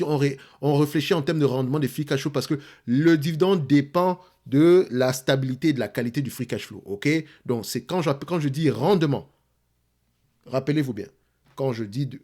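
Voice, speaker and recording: Guy w cameroonian french accent breaking down stocks for viewers, pushy teacher vibe, keeps repeating himself, mid pitch. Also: darkish tone. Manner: emphatic and teacherly, repeats points, asks rhetorical questions. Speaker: investing channel host. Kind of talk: explaining stock analysis to viewers.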